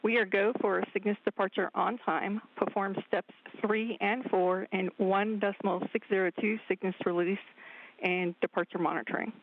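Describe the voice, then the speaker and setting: Through a narrow, tinny radio link, a woman gives procedural calls from mission control. Her voice has a noticeable creak. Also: mid-range voice, fairly even intonation, moderate pace.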